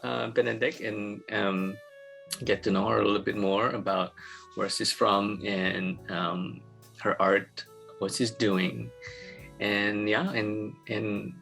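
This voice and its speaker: A man's voice: fairly low pitch, level tone, slow, creaky, a bit bright, faint music behind, low-quality recording. A man hosting a casual interview, friendly, laughing often and repeating himself as he talks. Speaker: interview host.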